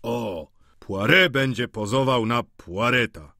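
Man voicing a loud, cocky joker. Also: medium pitch, takes it slowly, vocal fry, no echo, studio quality, heavily acted. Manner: loud, jovial banter. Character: brash, witty male boarder, cocky and mocking. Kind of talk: audiobook character reading.

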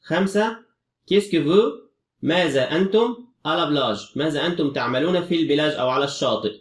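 A man's voice: on the high side, fast, reverberant, recorded from a distance. A man with an Egyptian Arabic accent teaching a French exam review, explaining each answer step by step.

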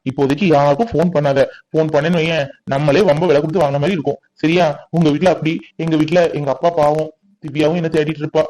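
A man's voice: on the high side, steady tone, fast talker, a little mellow, natural voice, rough recording. A man playing a protective young husband who reassures his wife firmly. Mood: reassuring. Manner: firm, reassuring, bossy. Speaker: actor. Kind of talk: family comedy-drama acting.

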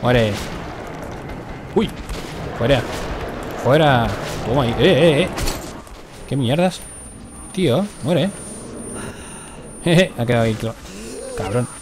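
A man from Spain talks over his game with a Spain Spanish accent and a middle-pitched voice. He swears freely and gets jumpy when enemies close in. There is a faint hiss behind him. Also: slow pace, long pauses. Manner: swears often, jumpy and excitable in fights. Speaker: gaming commentator. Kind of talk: let's play commentary.

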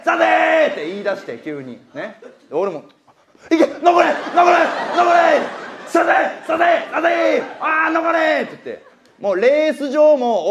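A young man with a Kansai accent telling a comic story as a stand-up monologue, acting out his own shouting as he goes. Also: sits high. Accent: Kansai Japanese. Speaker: comedian.

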